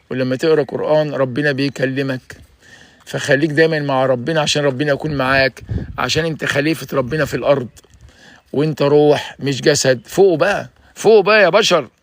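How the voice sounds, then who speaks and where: A man in his sixties with an Egyptian accent hosts a casual livestream and urges his listeners to focus on what he says. His voice is a little higher than most men's, and he rattles off his points at a quick clip. The sound is dry and close. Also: no echo. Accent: Egyptian Arabic. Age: 60s. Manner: energetic and preachy, urging listeners to focus. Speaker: livestream host giving health advice.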